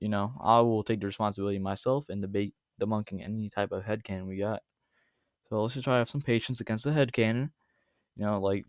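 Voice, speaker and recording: A man's voice: lowish voice, clean tone, dry recording, clean studio sound. A man giving a casual, argumentative commentary monologue, rambling and correcting himself as he goes. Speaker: YouTube debate commentator.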